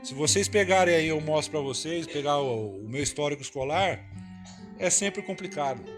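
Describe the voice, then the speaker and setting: A man's voice: a little high, lively intonation, moderate pace, over music. Earnest man giving a church testimony. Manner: emotional, earnest storytelling, frequent tag questions.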